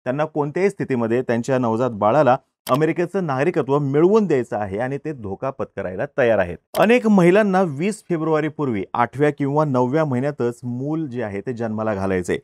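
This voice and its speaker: Guy explaining news, steady, says uh now and then, mid pitch, dry close mic. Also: brisk, few pauses, no room sound. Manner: steady explanatory delivery with occasional hesitation fillers.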